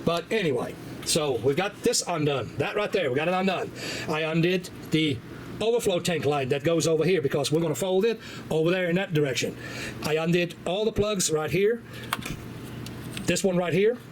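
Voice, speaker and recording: Chatty mechanic, slightly high voice. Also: male voice, normal speed, a little hiss or hum. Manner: relaxed, rambling, many fillers and restarts. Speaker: auto mechanic. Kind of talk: casual how-to repair walkthrough. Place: auto repair shop. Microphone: camera on a tripod.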